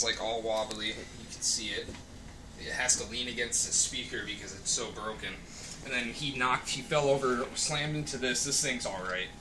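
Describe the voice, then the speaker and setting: Young man, casual vlog storyteller, rambling and excitable with swearing, indoors on a handheld camera, clear background hiss. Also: mid-range voice, poor audio. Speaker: vlogger. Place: apartment room, indoors. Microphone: camera held by a cameraman.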